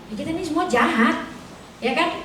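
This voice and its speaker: A woman's voice: high voice, lively intonation, moderate pace, a bit bright, far from the mic, a little hiss or hum. A middle-aged woman preaching an informal sermon at a prayer fellowship, chatty and colloquial, mixing in personal stories and questions to the congregation. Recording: echoey hall, voice picked up from afar.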